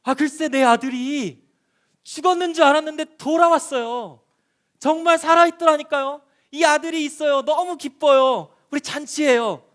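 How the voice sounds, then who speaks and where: A man's voice: high voice, expressive, normal speed. A man doing an overjoyed loving father. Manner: exclaiming, loud. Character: overjoyed loving father, welcoming his son.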